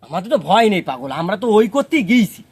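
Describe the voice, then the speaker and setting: A man spins a comic tall tale for listeners, telling it dramatically and repeating phrases to build suspense. His husky voice sits high and moves fast, with big swings in pitch.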